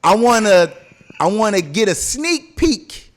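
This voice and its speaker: A man's voice: high voice, sing-song, a little slow. A man hosting a podcast, telling stories in casual, profane slang and often checking that listeners follow. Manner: slangy, profane, repeatedly checks with "you know what I'm saying". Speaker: podcast host.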